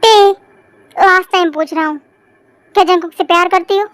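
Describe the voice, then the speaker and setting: A woman's voice: extremely high pitch, normal speed, fairly bright tone, dry recording. A woman voicing a hot-tempered young man who scolds and rants in exasperation. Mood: exasperated. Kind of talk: fan audio story voice acting.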